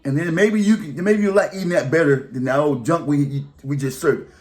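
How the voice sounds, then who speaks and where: A man's voice: on the high side, normal speed, a little mellow, natural voice. A man voicing a blunt, bossy male prison kitchen supervisor while retelling a story. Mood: coaxing. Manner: barking orders, blunt.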